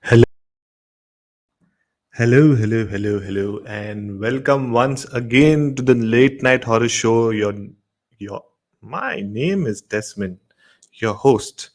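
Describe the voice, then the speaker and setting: A man with an Indian accent informally hosts a horror radio show, telling stories and often repeating words and phrases. His mid-range voice is slow, with long pauses.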